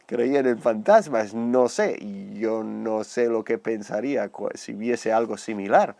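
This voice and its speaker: Older Spanish pastor, hoarse from a cold. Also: male voice, fairly low pitch, a little slow, dry recording. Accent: Spanish (Spain). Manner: conversational, animated storytelling with acted quotes. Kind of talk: sermon.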